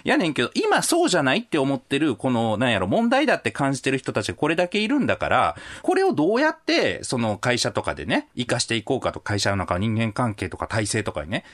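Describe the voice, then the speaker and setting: Casting: male co-host, Kansai accent, casual debater, quick pace with hugely swinging intonation. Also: mid-range voice, wildly swooping pitch, a bit bright. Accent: Kansai Japanese. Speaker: talk show co-host. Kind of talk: casual discussion, reasoning.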